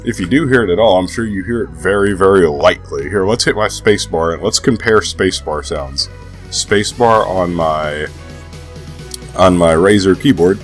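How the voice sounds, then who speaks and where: A man's voice: deep voice, normal speed, faint music behind. A young man with a stuffy nose from a cold, rambling casually and swearing freely as he vlogs about gaming. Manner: laid-back, profane, hesitant rambling. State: sick with a cold. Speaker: gaming vlogger.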